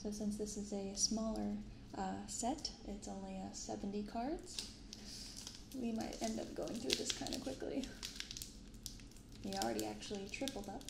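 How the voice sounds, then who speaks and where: Hosting a card-opening ASMR channel, a woman in her 20s speaks softly and gently with plenty of vocal fry, her medium-pitched voice fairly even in intonation. Her unboxing chat is casual and unhurried, captured in a roomy binaural recording with clear background noise.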